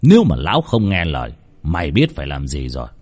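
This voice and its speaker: A man's voice: a bass voice, wildly swooping pitch, fast, darkish tone, pitched below the performer's own voice, full character voice. A man voicing a ruthless scheming older male boss who gives commands in a cold, menacing way.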